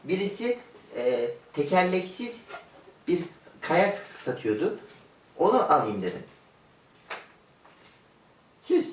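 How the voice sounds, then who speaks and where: A man acting out a chatty young guy going through his purchases in a rambling show-and-tell, his voice lively and fairly high. The sound is echoey and from a distance, with faint noise. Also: slow, pauses often, exaggerated voice. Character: smug young man showing off knickknacks he bought.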